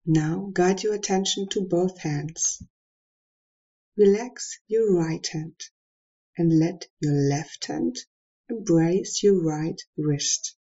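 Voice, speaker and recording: Woman meditation guide: unhurried, low-ish husky voice, soft calm delivery, muffled lo-fi recording. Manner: slow, soft and calm instructions with long pauses.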